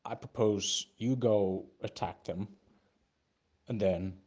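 A man voicing a scheming, greedy cowboy boss in a comic cartoon, talking in halting repetitions. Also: fairly low pitch, darkish tone, muffled recording. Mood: sheepish. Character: scheming, beer-craving cowboy boss with a low voice.

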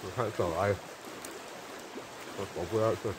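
A man's voice: lowish voice, steady tone, normal speed. A Scottish man in his forties, chatting to camera and thinking aloud as he cooks at a riverside camp. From Scotland. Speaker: outdoor vlogger. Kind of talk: casual chat to camera. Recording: outdoor recording with river noise. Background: flowing river.

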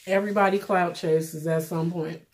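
A middle-aged woman giving casual, plainspoken vlog commentary while eating, pausing for bites and repeating phrases for emphasis. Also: on the low side, fairly even intonation. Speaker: vlogger. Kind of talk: casual mukbang commentary chat.

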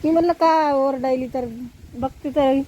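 Woman, chatty vlogger, warm low-bright tone, high pitch, yard outdoors. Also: fairly even intonation, normal speed, muffled recording, slight background noise. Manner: chatty, showing things to viewers. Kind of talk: casual village vlog.

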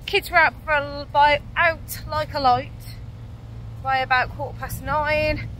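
A woman's voice: sits high, fairly even intonation, a little slow, pushed and bright, a little hiss or hum. A woman filming a casual family vlog, chatting upbeat about breakfast with her kids in a large diner. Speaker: family vlogger and mother.

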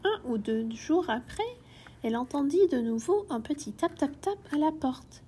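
A woman reading a children's storybook aloud in a gentle, expressive way. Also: high-pitched, normal speed, a little hiss or hum.

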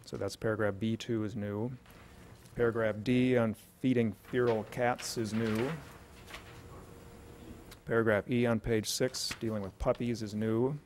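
A middle-aged man, a city official, reading out changes to an ordinance at a podium microphone in a council chamber, in a measured, matter-of-fact way. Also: fairly low pitch, level tone, darkish tone, a little hiss or hum.

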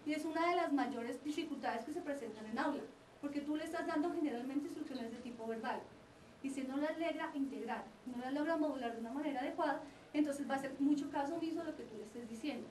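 High, fast-talking woman giving a lecture. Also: a little mellow, slight background noise. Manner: explanatory, often checks in with the audience. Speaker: lecturer on child development. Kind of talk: lecture to parents and teachers. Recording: roomy lecture recording from a distance.

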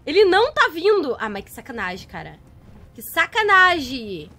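A Brazilian woman streams her survival game with excitable commentary. Her voice is very high and bright, and her pitch leaps all over as she exclaims and laughs in despair. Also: normal speed. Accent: Brazilian Portuguese. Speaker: gaming YouTuber. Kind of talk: live gameplay commentary.

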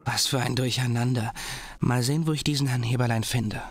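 A man's voice: mid-range voice, fairly even intonation, fairly quick, lightly acted. An actor voicing a polite, eager teenage boy detective in a video game. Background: game music.

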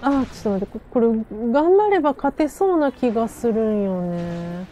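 A woman's voice: fairly high pitch, animated, moderate pace, warm tone, a little hiss or hum. A woman streaming a game, chatting casually and playfully to herself in a western Japanese Chugoku dialect. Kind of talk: casual game-play chat. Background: game music.

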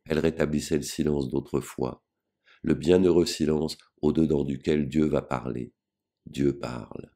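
A man reading a novel aloud as an audiobook in a measured, grave first-person narration. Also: rumbling low, steady tone, mellow. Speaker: audiobook reader.

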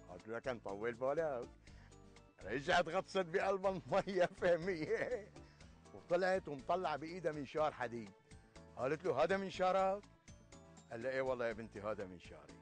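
Older Syrian man, sixties, patient village storyteller in a TV sketch, spinning an Arabic folk tale at a fast clip. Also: on the high side. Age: 60s. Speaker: actor in a TV sketch. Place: outdoors in a leafy garden.

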